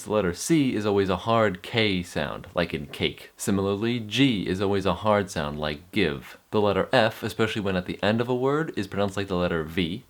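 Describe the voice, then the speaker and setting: A young man with a deep, low-pitched voice explains pronunciation rules in a relaxed, chatty way. He is earnest and pokes fun at his own mistakes as he talks through each sound. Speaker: online language tutor. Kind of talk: casual explanatory video lesson.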